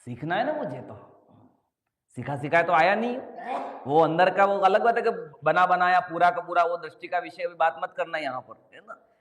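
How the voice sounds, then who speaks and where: Brief: male preacher, fairly high voice, asks listeners questions, chants verses slowly. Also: a bit bright. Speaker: Jain scripture teacher. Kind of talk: Hindi sermon with chanted Prakrit verses. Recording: echoey hall, long reverb.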